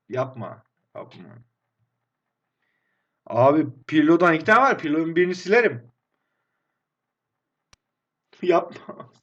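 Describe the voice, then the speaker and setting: A man in his twenties commentating his own football game play, swinging from hushed groans to excited outbursts. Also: a little high, lo-fi sound. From Turkey. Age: 20s. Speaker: mobile football game streamer. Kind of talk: live gameplay commentary.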